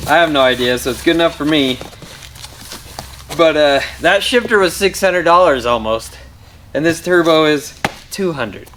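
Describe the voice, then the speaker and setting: A man's voice: a little high, lively intonation, moderate pace, pauses often, fairly bright tone, slight background noise. A man talking casually to camera in his garage workshop, rambling and chatty with a self-deprecating streak as he works on engines. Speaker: car mechanic vlogger. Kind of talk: casual shop vlog.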